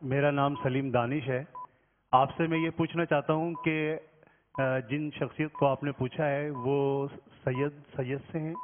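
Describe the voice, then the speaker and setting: A man's voice: mid-range voice, steady tone. A man on a quiz panel asking questions in a polite, formal way. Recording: tinny, reverberant, noisy audio.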